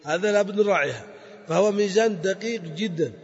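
Husky man teaching in an echoey hall. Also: high-pitched, fast. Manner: explains step by step, repeats key words. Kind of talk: spoken grammar lesson. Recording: dull lo-fi recording with long hall reverb.

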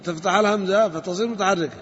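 High-voiced man teaching in an echoing hall. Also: fairly bright tone. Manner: methodical, repeats and spells out word forms slowly. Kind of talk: Arabic grammar lesson. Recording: dull lo-fi recording with long reverb.

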